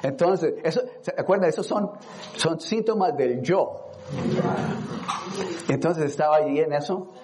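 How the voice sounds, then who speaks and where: A man preaching a sermon in an expressive way, moving from quiet, reflective stretches to loud, dramatic moments, and slipping in English words. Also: fairly high pitch, measured pace, pauses often, very noisy. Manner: drops in English words, asks congregation for a word.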